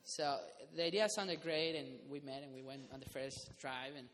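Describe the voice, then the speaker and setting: A man's voice: medium pitch, steady tone, moderate pace, a bit bright. A young man from Costa Rica chatting casually in a group, rambling with fillers and laughing often. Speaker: community house resident. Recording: reverberant room, faint noise.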